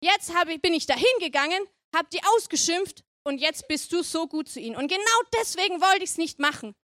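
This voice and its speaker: A woman's voice: very high-pitched, animated, a little fast, pushed and bright, no echo, clean studio sound, pitched above the performer's own voice, full character voice. A woman voicing the prophet Jonah as an indignant, grumbling man who complains to God. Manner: exasperated complaining.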